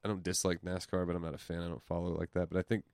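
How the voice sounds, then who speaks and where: A man co-hosting a podcast in casual chat, relaxed and joking, often hesitant. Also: low-pitched, racing, creaky, dry recording. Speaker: podcast co-host.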